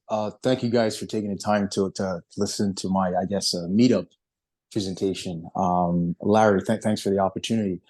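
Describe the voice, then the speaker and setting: Guest speaker, male, from Barbados; low voice, easygoing presentation over a video call. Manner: relaxed, with frequent "you know" and "um".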